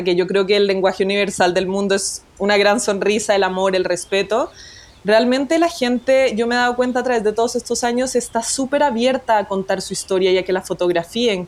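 A Colombian woman with a medium-pitched, somewhat dark voice is interviewed as a guest photographer. She tells her story reflectively in a conversational way, often restarting her sentences.

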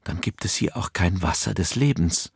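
A man's voice: low voice, animated, normal speed, gravelly, slightly rough, dry recording, clean studio sound, full character voice. A man voicing an outspoken, impatient young woman heroine in a storybook, indignant and full of questions. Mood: questioning.

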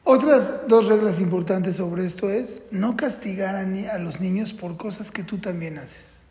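A man's voice: high-pitched, a little slow, dark tone. A man teaching a parenting class, earnest and patterned, asking questions and answering them himself. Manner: earnest, repeats rules in patterns, asks and answers own questions. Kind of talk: classroom lecture. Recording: echoey hall with long reverb.

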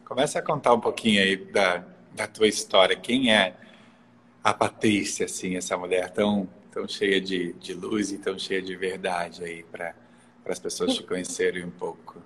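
A man's voice: sits low, fairly even intonation, moderate pace, a bit bright. A man hosting a live online interview, effusive and full of fillers and restarts. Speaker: host. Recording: hall reverb, faint ambient noise.

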